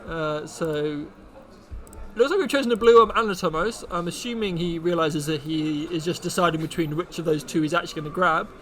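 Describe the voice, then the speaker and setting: A young man co-hosting a card tournament stream, calmly explaining each play in casual commentary. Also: fairly high pitch, fairly quick. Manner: relaxed, explains the game plays.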